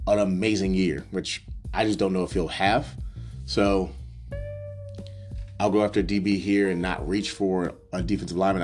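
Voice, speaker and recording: A man's voice: sits low, a little mellow. A man hosting his own show, talking through picks in a loose, rambling way with many restarts and fillers. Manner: rambling, self-correcting, frequent ums. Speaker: podcast host doing a mock draft. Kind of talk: casual solo analysis, off the cuff.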